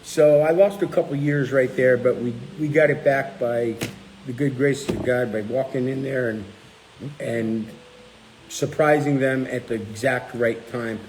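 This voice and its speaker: A man's voice: mid-range voice, measured pace, slight background noise, rough recording. A middle-aged man hosting a casual chat, telling stories and acting out the people he quotes. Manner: animated, acts out quoted people. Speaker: cookbook author and channel host.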